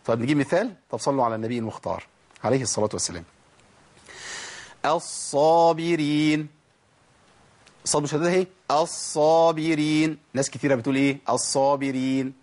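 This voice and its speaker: A man with an Egyptian Arabic accent giving a spoken tajweed lesson as a Quran recitation teacher. He fires off rhetorical questions and answers them himself, and draws out syllables slowly when he demonstrates pronunciation. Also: mid-range voice, husky.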